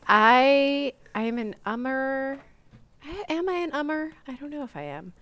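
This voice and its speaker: A woman co-hosting a podcast as a librarian, chatty in casual talk and quick to agree and laugh along. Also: high voice, animated, fairly bright tone, slight background noise. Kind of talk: casual chat.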